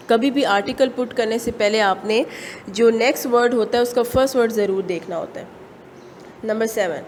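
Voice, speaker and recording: Slow-dictating Pakistani woman teacher. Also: on the high side, a little mellow. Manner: slow, dictating sentences word by word, then explaining. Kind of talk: online class lesson. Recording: long reverb, faint room noise.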